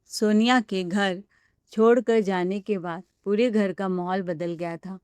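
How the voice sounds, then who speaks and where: A woman's voice: medium pitch, fairly even intonation, measured pace, darkish tone, smooth, no room sound. A woman telling a dramatic family story, narrating and acting out the dialogue. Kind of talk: scripted narration with acted dialogue.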